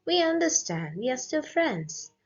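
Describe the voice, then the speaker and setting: A woman's voice: sits high, very animated, measured pace. A woman reading kind young girl friends. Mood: reassuring. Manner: gentle and reassuring. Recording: dull lo-fi audio.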